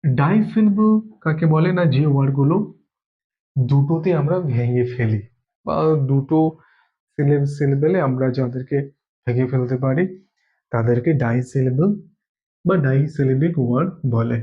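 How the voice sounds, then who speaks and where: A man's voice: medium pitch, moderate pace, pauses often, narrow, tinny audio. A man from Bengal teaching an English grammar lesson, explaining step by step and repeating key words as he goes.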